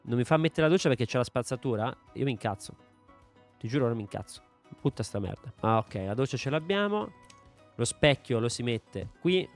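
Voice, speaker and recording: A man's voice: medium pitch, expressive, fairly quick, soft background music. A young man commenting casually while playing a game, joking, talking to himself and swearing freely. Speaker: gaming video creator. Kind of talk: let's play commentary.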